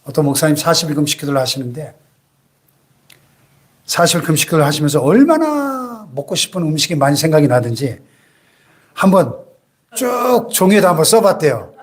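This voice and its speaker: A man's voice: a little high, big pitch swings, a little fast, pauses often. A man around sixty, a senior pastor preaching a sermon in a church and prodding the congregation with rhetorical questions.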